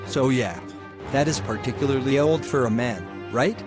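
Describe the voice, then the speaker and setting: A man's voice: mid-range voice, lively intonation, moderate pace, over music. A man as a fed-up lecturing judge. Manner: lecturing, exasperated, rambling. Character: stern middle-aged male judge, lecturing and fed up. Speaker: narrator and voice actor of an animation. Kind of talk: homemade animation narration.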